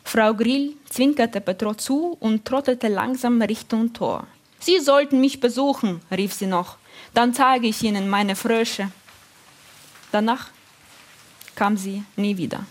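A woman reading a literary story aloud in a calm, measured way, voicing the characters' lines in her own voice. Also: fairly high pitch. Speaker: reader.

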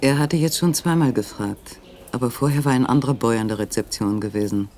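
A man narrating a radio play in a calm, measured way. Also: medium pitch.

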